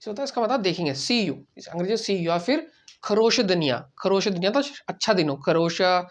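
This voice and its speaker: A male teacher talks through a language lesson in an easygoing, conversational way. He goes step by step, says sample phrases slowly and more than once, and keeps checking that the listener is following. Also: high voice, expressive. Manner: explains step by step, often asks "right?" and repeats phrases slowly. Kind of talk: casual spoken lesson.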